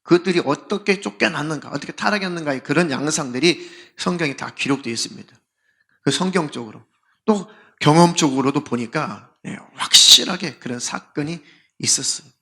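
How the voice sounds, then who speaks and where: A man's voice: a little high, brisk, creaky, sharp tone. A male pastor preaching a sermon in an emphatic way, acting out exchanges as he goes. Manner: emphatic, acts out dialogue.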